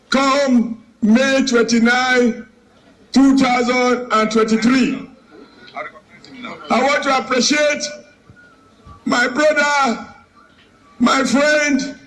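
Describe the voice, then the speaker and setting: A hoarse man giving an emphatic rally speech as a politician. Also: extremely high pitch, a bit bright, a little hiss or hum, low-quality recording. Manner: emphatic, drawn-out phrases.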